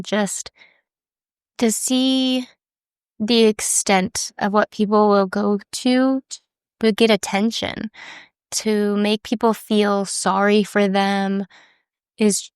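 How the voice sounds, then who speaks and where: A woman's voice: mid-range voice, flat delivery, takes it slowly, clear, resonant tone, no room sound, clean studio sound. Congested woman hosting a true crime podcast. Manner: conversational, with fillers and restarts. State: congested from a cold. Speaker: podcast host.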